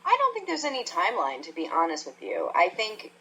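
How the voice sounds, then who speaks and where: A young woman chats on a podcast as a guest. She talks openly and casually, with a self-mocking streak, at an ordinary pitch for a woman. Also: wildly swooping pitch, brisk, bright, forceful tone, slightly rough, rough recording. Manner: candid, chatty, self-deprecating. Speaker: guest novelist.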